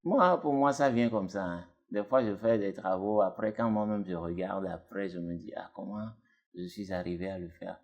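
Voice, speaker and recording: A man's voice: moderate pace, darkish tone, dull audio. A man, a dubbing actor talking casually as an interview guest, rambling with many fillers and restarts. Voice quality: deep voice.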